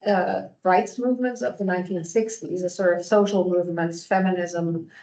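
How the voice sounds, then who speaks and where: A woman in her fifties from Germany, a panel speaker explaining her work in a fluent, measured way. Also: on the low side, fairly even intonation, mellow. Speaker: invited speaker. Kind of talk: academic panel answer. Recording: echoey dull sound.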